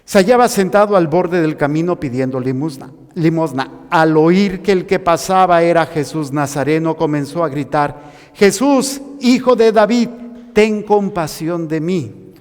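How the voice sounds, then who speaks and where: Impassioned Mexican priest preaching. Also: male voice, on the high side, normal speed. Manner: impassioned, rising to near-shouting on pleas. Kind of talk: sermon. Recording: hall reverb.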